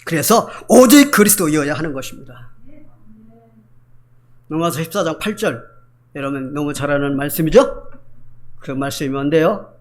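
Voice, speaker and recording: A man's voice: fairly high pitch, moderate pace, long pauses. A male pastor delivering an emphatic church sermon, breaking into voiced quotes of biblical figures.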